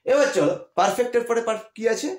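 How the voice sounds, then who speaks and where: A man with a very high, expressive voice and a West Bengal Bengali accent teaches a classroom-style grammar lesson at a quick pace in an echoey room. He patiently repeats key words and often checks that students are keeping up.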